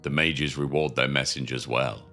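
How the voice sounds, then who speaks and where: Very deep, gravelly prison inmate, acted by a man. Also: steady tone, normal speed, sharp tone, full character voice. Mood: matter-of-fact, advising. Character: gruff, seasoned male convict guiding a newcomer, worldly and cynical. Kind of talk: audio drama dialogue. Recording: music under the voice.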